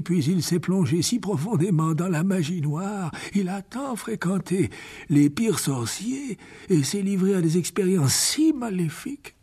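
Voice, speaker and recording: A kindly old headmaster wizard, slow and soft, with a chuckle always near, as a male narrator puts him on. The voice sits high and gravelly, a touch husky. Audiobook character voice.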